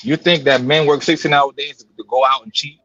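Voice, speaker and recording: A man's voice: fairly high pitch, fairly even intonation, moderate pace, sharp tone, no echo, highs cut off. A man in his thirties arguing his point on a podcast, insistent and repeating himself to cut others off. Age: 30s. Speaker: podcast panelist. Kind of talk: heated debate.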